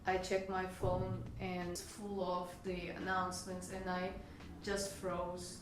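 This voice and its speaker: A woman speaking haltingly in a documentary interview, searching for her words. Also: lowish voice, monotone, noisy background. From Russia. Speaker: dancer, interviewee. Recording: echoey room with music underneath.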